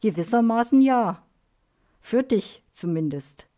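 A woman's voice: on the high side, expressive, slow pace, mellow. A woman voicing a serious, kindly female guardian spirit who speaks earnestly in a storybook.

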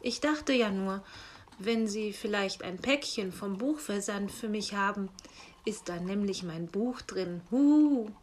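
A woman's voice: mid-range voice, unhurried, slight background noise, lightly acted. A woman voicing a polite old male owl who hoots between his words in a storybook. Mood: soothing.

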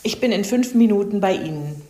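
A woman's voice: medium pitch, expressive, fairly quick, mellow, pitched above the performer's own voice, lightly acted. Grumbling grumpy fox, a woman doing him. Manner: grumbling, sulky. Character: grumpy, greedy male fox gentleman. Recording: roomy echo.

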